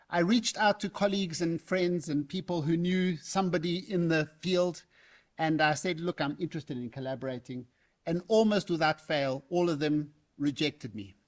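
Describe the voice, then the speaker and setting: An academic man gives a formal response speech, telling a story reflectively with small hesitations. His voice sits slightly high. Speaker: academic giving the response to a lecture.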